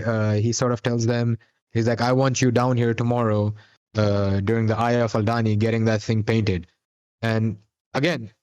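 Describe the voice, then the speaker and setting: A man's voice: medium pitch, a little mellow, clean tone. A man co-hosting a podcast, recapping a TV episode in a rambling, casual chat full of fillers and restarts. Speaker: podcast co-host.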